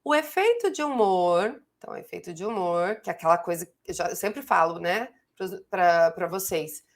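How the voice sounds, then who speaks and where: A woman's voice: on the low side, expressive, moderate pace. A woman with a Brazilian Portuguese accent teaching an online grammar lesson, explaining word parts step by step and checking in often with the students.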